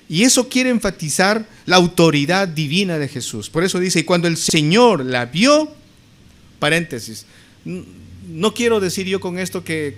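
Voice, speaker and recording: Male pastor, sermon delivery: slightly high voice that swings widely in pitch, emphatic, keeps putting rhetorical questions to the congregation. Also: a bit bright. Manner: addresses listeners as brothers.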